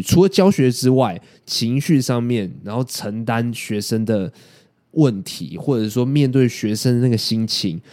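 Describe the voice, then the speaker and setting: A man's voice: on the low side, a little mellow. A man, hosting a casual podcast and explaining his views thoughtfully with many hesitant restarts. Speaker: podcast host and editor. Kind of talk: casual chat.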